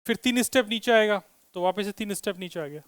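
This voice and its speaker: High-voiced man teaching physics. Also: fast, smooth, no room sound, clean studio sound. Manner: asks students questions, teasing and joking. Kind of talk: classroom lecture with students. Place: classroom.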